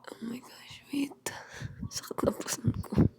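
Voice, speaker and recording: A young woman from the Philippines with a Filipino accent and a stuffy, congested nose, chatting casually to camera at home and often dropping to a soft whisper. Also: slow pace. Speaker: vlogger. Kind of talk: casual vlog chat, mixing English and Filipino. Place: her home, indoors.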